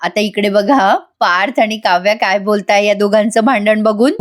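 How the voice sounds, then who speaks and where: A woman's voice: mid-range voice, steady tone, moderate pace. A woman narrating a casual spoken recap of a TV serial, talking straight to her viewers in a chatty way.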